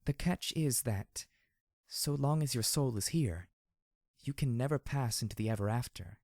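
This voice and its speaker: A man reading an audiobook, voicing a calm and distant female zebra spirit-medium who speaks in a slow, measured, solemn way. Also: medium pitch, no room sound, studio quality, natural voice.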